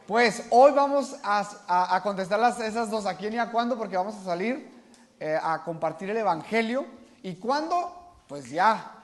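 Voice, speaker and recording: A man teaching an evangelism workshop at church, asking the audience questions and repeating their answers back. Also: high-pitched. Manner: animated, swings between loud and soft.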